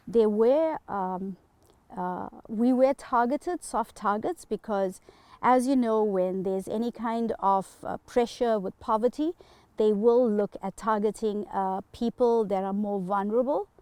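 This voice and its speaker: A woman's voice: on the high side, a little mellow, clear, resonant tone, no echo. Earnest South African woman, dry sound. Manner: earnest, halting with many fillers. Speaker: guest. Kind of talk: interview. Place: home.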